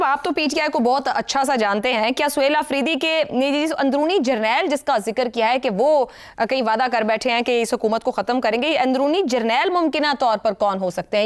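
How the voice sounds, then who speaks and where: A woman hosting a political talk show, reading a formal scripted introduction and then putting questions to her panel. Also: high voice. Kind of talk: news talk show anchor.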